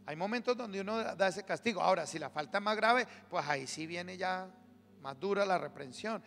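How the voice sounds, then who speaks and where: A man's voice: high-pitched, fairly quick, gravelly, a bit bright. A man preaching an emphatic sermon as pastor, calling on the congregation to answer. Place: church hall. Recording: live church sermon in reverberant hall with music.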